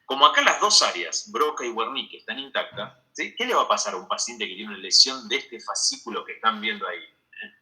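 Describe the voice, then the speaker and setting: A man lectures medical students in an online class. His voice is very bright and sharp, and he keeps checking understanding with a quick "¿sí?" as he explains each point. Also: mid-range voice, low-quality recording.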